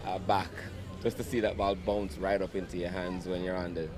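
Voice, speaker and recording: A man's voice: deep voice, little pitch movement, normal speed, noisy background. A man co-commentating live on a rugby match at an outdoor ground, playful and chatty. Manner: playful, chatty, laughs easily. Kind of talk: live sports commentary and chat. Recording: loud crowd behind.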